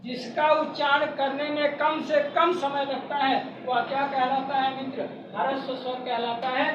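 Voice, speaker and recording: Woman teacher, exam-prep lesson, high voice, distant dull lo-fi sound with clear background noise. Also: little pitch movement. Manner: repeats key terms, addresses listeners as friends, draws out vowels slowly. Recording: echoey, distant, dull, noisy.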